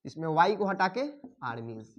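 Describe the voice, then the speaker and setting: ऊँची आवाज़ वाले हिंदी शिक्षक. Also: male voice, on the high side, animated. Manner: repeats "ठीक है" often, dictates rules slowly. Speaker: English grammar teacher. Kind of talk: classroom-style grammar lesson.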